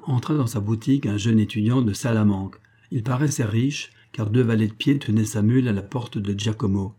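A man reading a literary tale aloud in a measured, even storytelling manner. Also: lowish voice, husky. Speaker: audiobook reader.

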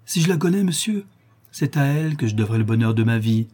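A man voicing a fervent, grateful young working-class woman, speaking in exclamations with a raised pitch. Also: fast talker, mellow, lightly acted.

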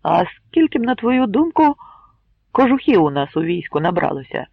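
A calm, grim Cossack colonel who speaks in measured tones, as a man acts him out. The voice is gravelly and husky. The recording is dry and dull. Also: sits high, no echo, pitched above the performer's own voice, full character voice.

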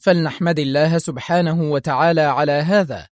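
A man's voice: fairly high pitch, dry recording, lightly acted. Casting: kind senior male official, read by the narrator, dry and close. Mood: gentle. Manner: gentle, measured speech. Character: kindly male intelligence director.

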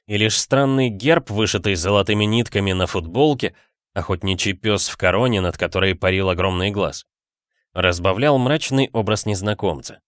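A man reading an audiobook in a steady, measured way. His voice sits low, and the recording is dry and close. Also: dry recording. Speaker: narrator. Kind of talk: audiobook narration.

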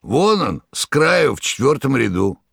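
A man's voice: medium pitch, big pitch swings, unhurried, creaky, a bit bright, dry recording, studio quality, voice pushed up, heavily acted. A man reading an audiobook, voicing a sly, rude, mysterious stranger with a mocking, brusque manner.

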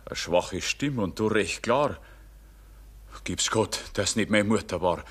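A man's voice: lowish voice, animated, slow, a bit bright, husky, full character voice. An actor playing a rich man facing death, agitated and brusque, speaking with a Bavarian accent. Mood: anxious. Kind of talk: radio play acting.

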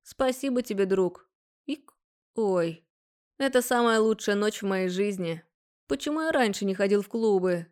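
A woman's voice: medium pitch, animated, normal speed, darkish tone, natural voice. Woman doing a hiccuping drunk young man. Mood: drunk giddy. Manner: slurred, hiccuping, sing-song.

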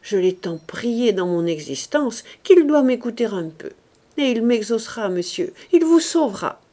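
A woman's voice: very animated, moderate pace. A woman voicing a devoted, pious aging female servant who pleads and cries out. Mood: frantic pleading. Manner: pleading, crying out high and loud.

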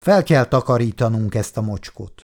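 A male narrator voicing a stern female colony leader with a low, steely, clipped delivery. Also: lively intonation, a little mellow, close to an everyday voice. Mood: grim, commanding.

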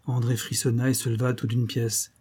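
A man narrating a novel in a steady, even reading voice. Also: mid-range voice, a little fast, breathy edge. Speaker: audiobook narrator. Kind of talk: scripted narration.

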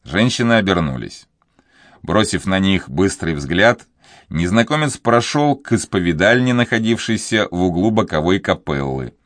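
A man narrating an audiobook in a measured, steady storytelling manner. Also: sits low, no echo, studio quality. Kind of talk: scripted narration.

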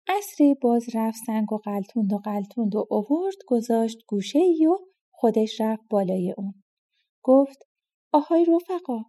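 Mellow-voiced woman reading a folk tale. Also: fairly high pitch. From Iran. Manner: reads all parts herself, lifting her voice for quoted characters. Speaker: audiobook narrator. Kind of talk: storybook narration of folk tales.

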